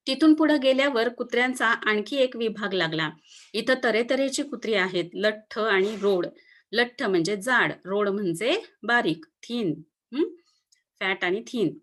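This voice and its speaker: A woman's voice: medium pitch, lively intonation, moderate pace, a bit bright. A woman teacher reading a textbook lesson aloud to children, explaining each word with synonyms and checking in with them often. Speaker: school teacher.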